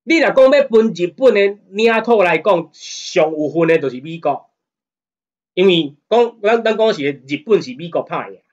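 Speaking at a normal speed with lively intonation, this man's voice sits high, though the recording loses its upper frequencies. He has a Taiwanese accent and lectures casually on law, blending Taiwanese Hokkien with Mandarin. Conversational by default, he often checks in with "you know what I mean?" and gets fiery and forceful when he argues.

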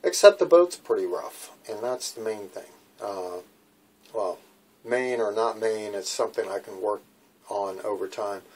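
A man's voice: fairly low pitch, unhurried, darkish tone, a little hiss or hum. Older man, casual boat vlog, rambling with lots of uhs, phone at arm's length, small cabin. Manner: rambling, many fillers. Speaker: vlogger. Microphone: phone camera at arm's length.

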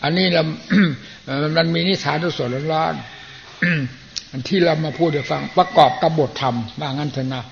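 An older man, a Buddhist monk, giving a plain-spoken, folksy sermon and often clearing his throat. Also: on the high side, unhurried. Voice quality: gravelly. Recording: muffled lo-fi archive recording with faint hiss.

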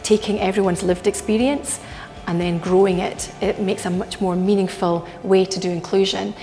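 A woman's voice: mid-range voice, steady tone, normal speed, dark tone. A middle-aged woman, a hotel director, speaking earnestly in a filmed workplace interview, with frequent ums and restarts. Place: indoor hotel bar. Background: background music.

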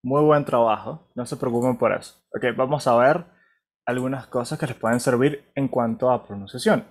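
A man's voice: mid-range voice, moderate pace. A man with a Venezuelan Spanish accent teaching an online English class, patient and encouraging, often checking in with "ok?". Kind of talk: online class, explaining pronunciation. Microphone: video call.

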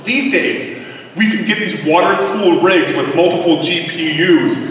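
A man giving a conference talk to a live audience, joking and tossing quick asides to the crowd. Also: sits high, a bit bright. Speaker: conference speaker. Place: large conference hall. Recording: echoey hall from far off.

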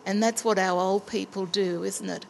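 A woman's voice: mid-range voice, fairly even intonation, normal speed, vocal fry, a little hiss or hum, low-quality recording. A woman teaching about culture, explaining words to her listeners in a storytelling way.

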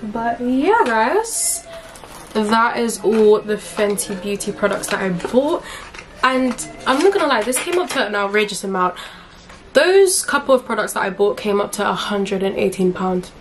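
A woman's voice: mid-range voice, sing-song, normal speed. A young woman chatting frankly through a makeup haul, casual and swearing now and then. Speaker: beauty vlogger.

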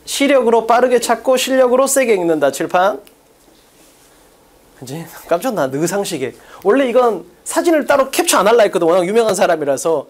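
A woman lecturer teaching an online exam-prep class in a brisk, drilling manner, asking quick check-questions and dropping chatty asides. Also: medium pitch, big pitch swings. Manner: casual, chatty asides with laughs.

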